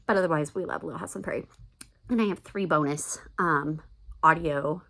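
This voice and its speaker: Speaking fairly quickly with vocal fry, this middle-aged American video blogger offers recommendations in a casual, emphatic chat to camera. Her voice sits low and has a slightly bright quality.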